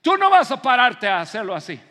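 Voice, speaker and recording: Man, sermon, high-pitched, lively and acted-out delivery, stammered repeats, long hall reverb. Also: fairly quick. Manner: animated, acts out scenes, frequent stammered repeats. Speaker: pastor. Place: large auditorium.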